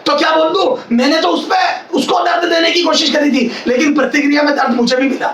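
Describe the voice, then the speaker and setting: A man teaching physics to a room of students, his high, bright voice pushed to near-shouting as he drills each point over and over. He is recorded from a distance in an echoey classroom, with a faint hiss behind him. He keeps checking that the class is following along. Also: steady tone, quick pace. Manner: loud, near-shouting delivery, repeats phrases and quizzes students. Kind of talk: classroom lecture.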